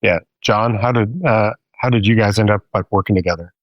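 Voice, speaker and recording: A man's voice: lowish voice, a little fast, dry recording, highs cut off. A man hosting a podcast interview, chatty and friendly, with frequent uh fillers. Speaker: podcast host.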